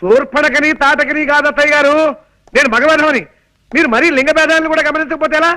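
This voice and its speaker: An actor playing an exasperated young suitor who shouts to a deaf older woman in comic film dialogue. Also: extremely high pitch, steady tone, brisk, low-quality recording.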